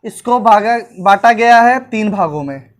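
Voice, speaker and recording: A woman's voice: mid-range voice, expressive, normal speed. A woman teacher giving an exam-prep lecture, repeating points and asking questions that she answers herself. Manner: repetitive drilling, asks and answers own questions.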